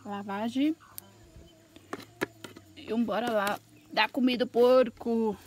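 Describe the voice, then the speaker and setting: A woman with a bright, high voice films herself outdoors on a farm with her phone. She talks casually to her viewers and chirps at the animals. A faint hiss of outdoor noise sits under her voice. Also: steady tone, slow. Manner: chatty, calls out to animals in a high sing-song voice. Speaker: vlogger. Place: outdoors on a farm, pigsty and yard. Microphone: phone camera held by the speaker.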